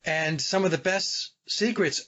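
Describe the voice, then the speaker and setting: An American man hosting a podcast interview, his voice a touch higher than most men's. He speaks deliberately and leads the conversation, and the audio sounds dull and lo-fi. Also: a bit bright. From United States. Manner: deliberate, guiding, addressing listeners directly. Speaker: podcast host.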